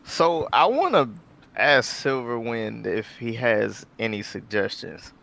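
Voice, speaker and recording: Male player, gravelly voice with lively pitch, blunt and profane. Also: slow. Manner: blunt, swearing freely. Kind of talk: casual tabletop game chat.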